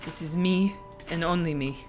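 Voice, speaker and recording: Brief: young woman streamer, lowish voice, nervous self-talk, whispers, faint music behind. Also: fairly even intonation, normal speed. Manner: anxious self-talk, repeating reassurances, drops to whispers; argues back at chat. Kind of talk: live-streamed gameplay with in-character roleplay.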